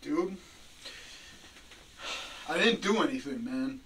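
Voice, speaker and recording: A man's voice: on the high side, lively intonation, slow, a bit bright, exaggerated voice. A young man playing a defensive suspect under interrogation, insistent and slangy. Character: defensive young male suspect living with mom. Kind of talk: amateur acted interrogation scene. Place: small room, camera across the room. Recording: distant mic, noisy room.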